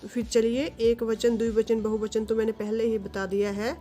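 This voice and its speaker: A woman teaching a grammar lesson to viewers, reciting word forms in slow, steady lists. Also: on the high side, soft background music.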